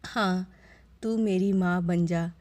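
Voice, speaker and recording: Lady doing a cranky old mother-in-law, naggy, low and slow. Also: fairly even intonation, a little mellow. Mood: scolding. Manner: scolding, complaining. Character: nagging older mother-in-law, sharp-tongued.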